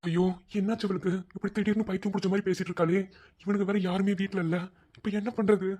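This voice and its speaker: A man voicing a worried village husband in an animated drama, who asks anxious questions again and again. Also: a little high, quick pace, soft background music, close to an everyday voice. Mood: alarmed. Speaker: cartoon voice actor.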